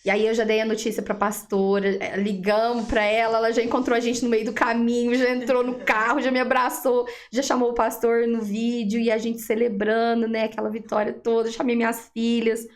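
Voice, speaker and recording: A woman with a Brazilian Portuguese accent, a guest giving a personal faith testimony, telling her story in a lively way and acting out the dialogue she quotes. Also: on the high side, a little fast, hardly any pauses. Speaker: interview guest.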